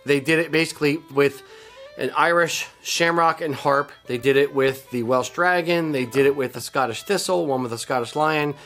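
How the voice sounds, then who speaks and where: A man's voice: a little high, normal speed, fairly bright tone, faint music behind. A man co-hosting a podcast, chatting casually and telling stories full of ums and teasing asides. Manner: rambling storyteller with frequent ums and teasing asides. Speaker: podcast co-host. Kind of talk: casual chat.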